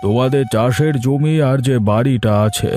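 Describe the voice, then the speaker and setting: A man's voice: mid-range voice, normal speed, dark tone, lightly acted. A man voicing a greedy village moneylender in a cartoon, demanding his money back sternly.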